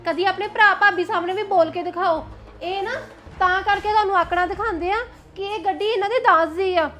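A woman plays an outspoken young wife with a Punjabi accent, scolding and defiant. Her voice is high and bright, with a sharp edge. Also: fairly even intonation, brisk. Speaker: younger sister-in-law.

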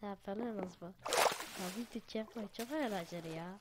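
A woman chatting excitedly at home while playing a game, laughing often, recorded on a headset mic. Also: medium pitch, normal speed, very noisy. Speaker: gaming channel host. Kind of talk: casual gameplay commentary.

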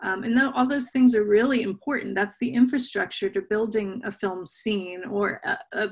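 A middle-aged woman, an author and guest, answering interview questions thoughtfully over a video call from a home room, pausing with fillers and restarting her sentences. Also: medium pitch, darkish tone, breathy edge. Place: home room with bookshelves and shuttered windows. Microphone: laptop webcam on a video call.

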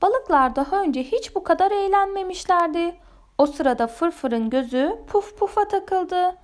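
A woman reading a children's storybook aloud in a gentle, expressive way. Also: very high voice, measured pace.

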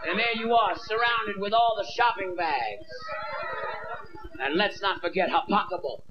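This man's voice is high and a little slow as he does a brash stand-up set on a theater stage, mic in hand, acting out exchanges between women and himself. He's in his thirties, and the tape is dull lo-fi VHS with hiss.

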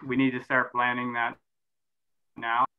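A man chairing a council meeting over a video call, talking haltingly while his stream audio breaks up. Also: mid-range voice, monotone. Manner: halting, with many pauses and fillers. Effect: choppy, breaking-up stream audio. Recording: tinny phone-like call audio.

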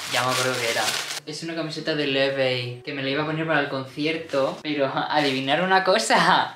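Young man, casual vlog chat, gushing, excitable, echoey room, music behind. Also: medium pitch. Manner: gushing and excitable, mixing in English words. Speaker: vlogger.

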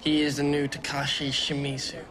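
A man's voice: fairly high pitch, monotone, moderate pace. A man who speaks in a blunt, self-assured way. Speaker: writer. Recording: crowd noise behind.

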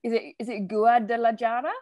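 A woman interviewing a doctor, chatty and self-deprecating, asking questions in a lively, friendly way. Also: medium pitch, brisk, dry recording. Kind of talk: video call interview.

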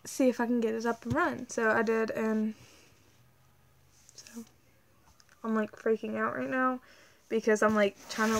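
A young woman, rambling excitedly in a casual vlog to her tablet camera, full of ums and likes. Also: a little high, a little hiss or hum. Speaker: vlogger. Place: indoors at home, dim room. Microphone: tablet camera held close.

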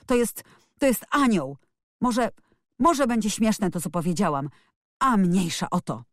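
A woman voicing a stubborn, angry young girl who shouts back defiantly in a storybook reading. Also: on the low side, expressive, normal speed, no echo, studio quality, natural voice. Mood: furious, defiant.

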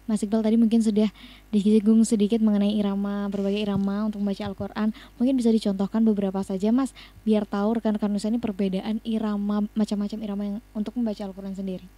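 A woman from Indonesia hosts a campus radio talk show, quick and encouraging, murmuring soft affirmations as she listens. Her voice is warm and mellow, with a brisk pace and a dry, close studio sound. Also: medium pitch, flat delivery, no echo. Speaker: radio host.

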